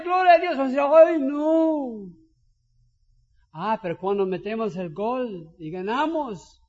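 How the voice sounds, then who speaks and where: A man preaching a sermon as pastor, animated and shouting for emphasis. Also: very high voice. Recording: dull sound with long hall reverb.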